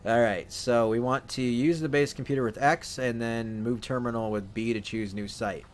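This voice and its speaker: A man casually commenting while he plays a video game, thinking out loud and often correcting himself. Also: medium pitch, fairly even intonation, moderate pace, a little hiss or hum. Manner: rambling, self-correcting, thinking aloud. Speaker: let's play host.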